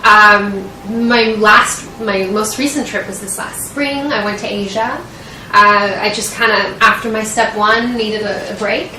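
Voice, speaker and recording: With a measured pace and a steady yet sharp tone at medium pitch, a young American woman from Washington State answers interview questions as a medical student, earnest and hesitant. The recording has a roomy echo, faint noise and a far-off mic.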